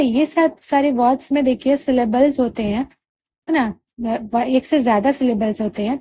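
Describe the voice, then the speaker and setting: A woman gives a grammar lesson in a high, mellow voice. She patiently checks in with her listeners and stretches out key words slowly so they can be heard clearly. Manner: patient, repeats "ठीक है" and "है ना" to check understanding; drawls key words slowly to spell them out. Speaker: English grammar teacher. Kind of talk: explanatory lesson.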